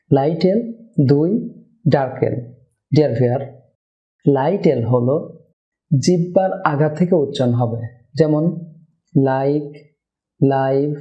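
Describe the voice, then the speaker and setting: A man, a native Bengali speaker, teaching English pronunciation in a slow, careful scripted lesson, sounding out example words. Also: a little high, warm tone. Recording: dull lo-fi sound.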